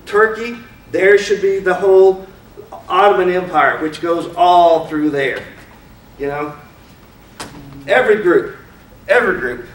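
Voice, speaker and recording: Speaking in a high voice, a little slowly and with frequent pauses, a man delivers a frank, conversational lecture full of rhetorical questions. It's captured in a roomy lecture hall from a distant mic, with slight background noise.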